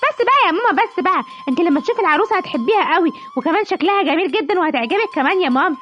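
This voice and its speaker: A woman puts on an eager young Egyptian lion who pleads in a racing, very high voice. The recording is dull and lo-fi, with faint music behind. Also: expressive, a bit bright. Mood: coaxing. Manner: fast, pleading, childish. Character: young male lion cub, eager groom.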